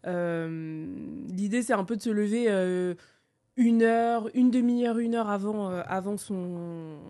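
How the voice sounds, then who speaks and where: A woman in casual conversation, explaining in a measured way with hesitant fillers. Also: medium pitch, mellow. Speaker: podcast co-host.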